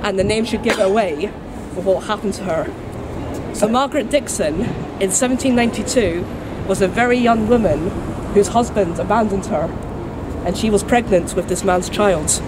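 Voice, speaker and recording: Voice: mid-range voice, moderate pace. Tour guide storytelling over heavy street noise. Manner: chatty, wry humour, mild swearing. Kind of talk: informal spoken storytelling to a tour group. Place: outdoors on a city street, cars behind. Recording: very noisy outdoor street recording with traffic.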